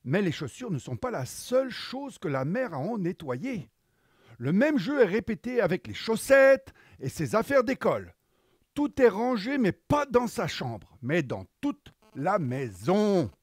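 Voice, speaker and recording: A man tells a children's story in a high voice with lively swings of pitch. He takes his time, narrating in an animated style. The sound is dry and close. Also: unhurried, breathy edge, no echo.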